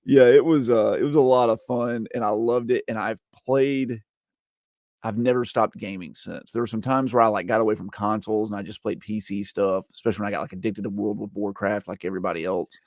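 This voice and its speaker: A man's voice: on the low side, fairly even intonation, brisk, darkish tone, no room sound, studio quality. A man, telling stories in casual conversation. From Alabama, United States. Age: 40s.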